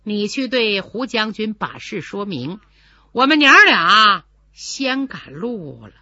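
A woman voicing a dignified noblewoman, a general's wife, who speaks in a measured, reproachful, formal way. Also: medium pitch, sing-song, pushed and bright, no echo, full character voice. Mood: cold. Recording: dull lo-fi recording.

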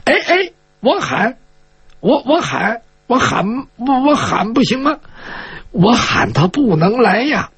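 Guy doing a stuttery scared bandit dude, pleading, husky voice, jumping all over. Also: extremely high pitch, very animated, slow pace, fairly bright tone, voice pushed up, full character voice. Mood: flustered. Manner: stammering, pleading. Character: cowardly stammering young bandit at swordpoint.

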